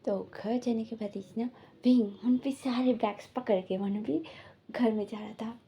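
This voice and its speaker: A woman's voice: fairly high pitch, steady tone, moderate pace, warm tone. A woman casually retelling a fan-fiction story in a chatty, loose way, full of fillers.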